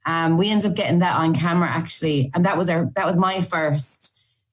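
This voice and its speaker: A woman's voice: fairly low pitch, brisk. An Irish woman, an aid volunteer, recalling events in a chatty, run-on documentary interview. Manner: chatty, run-on storytelling with fillers.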